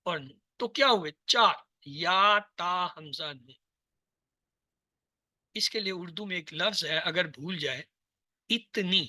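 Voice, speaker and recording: A man teaching a language lesson to an online class over a video call, drilling word forms one by one in steady repetition. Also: high voice, takes it slowly, dry recording, studio quality. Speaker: Arabic teacher.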